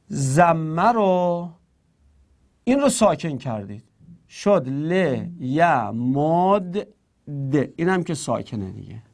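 A man's voice: high voice, a little mellow. A man teaching Arabic grammar in Persian, spelling words out syllable by syllable and adding playful asides. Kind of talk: classroom lesson.

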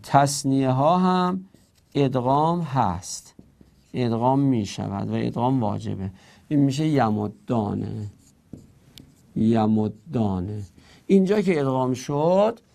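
A man's voice: fairly high pitch, a little mellow. A man teaching an Arabic grammar lesson, explaining step by step and answering his own questions.

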